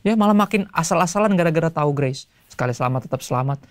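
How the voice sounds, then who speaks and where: A male pastor giving a casual sermon to young people, telling stories in relaxed everyday slang. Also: a little high, racing, no room sound. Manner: chatty storytelling in everyday slang; acts out voices in quotes.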